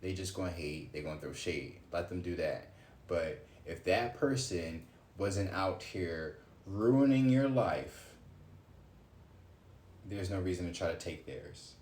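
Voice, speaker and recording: In an echoey room with faint ambience and a little hiss or hum, a man in his late twenties streams a card reading. His low, darkish voice is expressive and measured as he rants casually, thinks aloud, swears, and bursts into exclamations.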